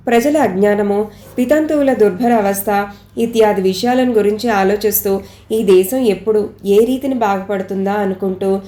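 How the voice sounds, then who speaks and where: In an echoey room, a woman with a middle-pitched voice reads a story aloud, narrating in the first person in a steady, measured way.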